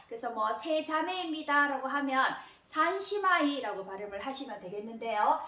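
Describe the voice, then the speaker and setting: A woman teaching Japanese kanji readings, patient, often pausing with fillers and repeating key words slowly. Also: high voice, a bit bright. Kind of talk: explanatory lesson narration. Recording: roomy echo.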